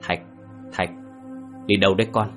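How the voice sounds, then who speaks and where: A man voicing a frightened young village father who shouts and talks in a shaky voice, from a spoken ghost story. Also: low voice, level tone, moderate pace, faint music behind. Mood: worried. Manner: shouting, then shaky and panicked.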